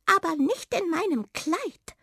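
A woman's voice: extremely high pitch, expressive, unhurried, gravelly, a bit bright, no echo, studio quality, pitched above the performer's own voice, heavily acted. A woman doing a bossy little wood mouse.

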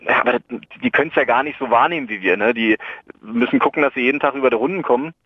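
A man's voice: mid-range voice, racing, breathy edge, no room sound. Musing male caller, dull lo-fi line. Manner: hesitant, musing, many fillers. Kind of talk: casual phone-in chat. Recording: dull lo-fi phone line, dry.

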